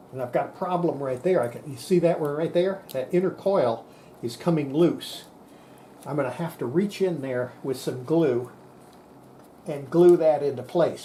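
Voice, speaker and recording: With a fairly high, mellow voice, a presenter works through a demonstration of radio equipment. The technical explanation is hands-on and informal, delivered in a folksy, plain-spoken way as he thinks aloud, with a little background noise present.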